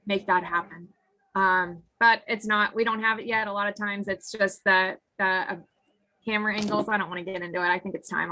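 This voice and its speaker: An American softball head coach in her thirties fields postgame press questions earnestly, her mid-range voice husky and hoarse from screaming. She often restarts her sentences, and the recording is rough.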